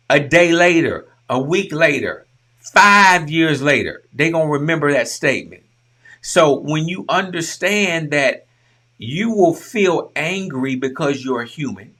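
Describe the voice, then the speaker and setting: A man's voice: a little high, pushed and bright. A man, a relationship coach talking straight to his audience in an emphatic, preachy way, firing off repeated rhetorical questions. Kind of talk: direct-to-camera talk.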